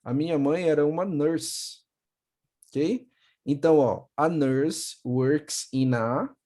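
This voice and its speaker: A young man with a Brazilian accent teaching English to children in a video call, patiently repeating words slowly. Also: a little high, dark tone. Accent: Brazilian Portuguese. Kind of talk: online class for children.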